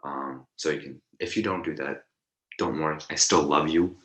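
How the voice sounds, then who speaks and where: A young man with an exceptionally deep voice hosts a casual podcast with a friend. He rambles, stumbles over restarts and leans on fillers as he talks. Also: moderate pace, a bit bright, low-quality recording. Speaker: podcast co-host.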